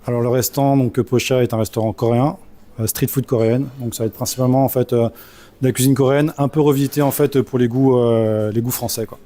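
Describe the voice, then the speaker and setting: A man's voice: medium pitch, steady tone, warm tone. A man in his thirties from French Guiana, a restaurant owner answering interview questions with many fillers. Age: 30s. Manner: fast, with frequent fillers.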